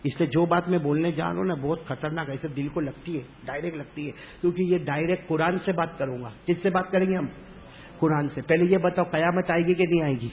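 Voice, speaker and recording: A man's voice: on the high side, slight background noise. A man preaching a sermon, pushing the congregation to call the answers back to him. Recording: echoey hall over a tinny phone-like line.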